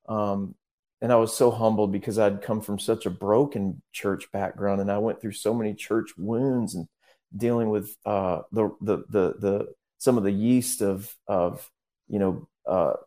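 A man's voice: lowish voice, warm tone. A man speaking as a guest minister in a casual interview, earnest and rambling, often restarting his sentences.

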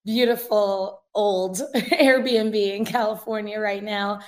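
A woman with a raspy voice that is nearly gone, speaking earnestly and emphatically as an interview guest giving testimony. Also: medium pitch, steady tone, slow pace, darkish tone. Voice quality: hoarse, raspy voice. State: hoarse, losing voice. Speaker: guest, missionary and revivalist. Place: inside an old rented house, remote guest.

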